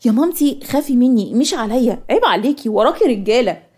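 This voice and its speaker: A woman voicing a spirited young Egyptian woman, a student, lively and teasing, in a cartoon story. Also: on the high side, quick pace, breathy edge.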